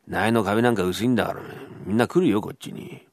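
A man's voice: on the low side, fast talker, dry recording, clean studio sound, lightly acted. A man voicing an unflappable broke gambler in rakugo storytelling, drawling nonchalantly in old Tokyo downtown speech. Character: lazy unflappable male tenement dweller, broke gambler. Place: radio studio.

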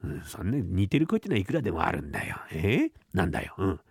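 A man doing a stingy old shop master, grumbling low. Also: big pitch swings, quick pace, creaky, husky, dry recording, clean studio sound, heavily acted. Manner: grumbling, scolding, muttering to himself. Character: stingy old male miso-shop master, fussy and scolding. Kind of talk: rakugo storytelling.

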